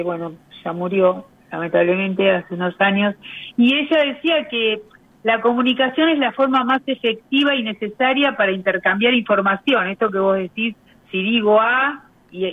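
A woman, a communication specialist explaining her ideas as a guest on a radio interview, pausing often on hesitant fillers. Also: fairly high pitch. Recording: tinny phone line.

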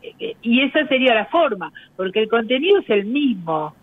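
A woman, a communication specialist explaining her ideas as a guest on a radio interview, pausing often on hesitant fillers. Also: on the high side, big pitch swings. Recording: tinny phone line.

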